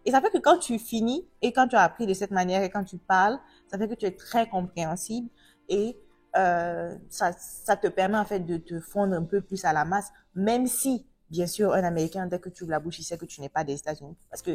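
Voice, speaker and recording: A woman's voice: mid-range voice, a little fast, darkish tone, husky, soft background music. A woman from Africa hosting a casual interview, chatty and asking long, rambling questions. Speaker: host.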